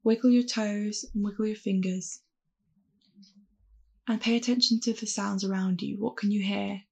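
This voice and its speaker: A woman guides listeners through a calm grounding exercise in mindfulness. Her voice is husky, with plenty of creak at a medium pitch. She instructs gently and reassuringly, as a meditation guide. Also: normal speed.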